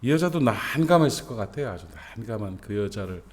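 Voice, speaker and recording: This middle-aged man, a senior pastor, delivers a dawn service sermon quickly in a lowish, expressive voice. He talks conversationally, poses rhetorical questions, leans on plenty of fillers, and rises in intensity when stressing key points.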